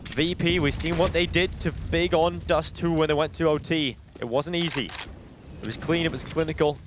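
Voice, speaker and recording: Dramatic male esports caster, raised pitch. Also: fairly even intonation, normal speed, background noise. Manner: dramatic, punchy short phrases. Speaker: esports commentator. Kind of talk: esports caster play-by-play commentary. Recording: game gunfire and clicks behind voice. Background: game gunfire and clicks.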